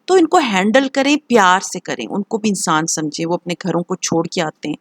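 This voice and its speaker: A woman's voice: on the low side, very animated, no room sound, clean studio sound. A middle-aged woman from Pakistan with a Pakistani Urdu accent, talking in a casual advice vlog, earnest and encouraging, dropping English phrases into her Urdu. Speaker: lifestyle vlogger. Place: home.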